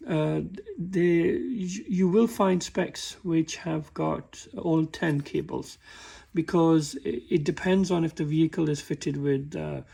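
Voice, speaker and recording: A man talks through a car repair in a workshop, his voice deeply gravelly and husky. He stumbles and restarts sentences often as he shows the parts, keeping an unhurried, casual tone. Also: fairly even intonation, mellow. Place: workshop with a work table.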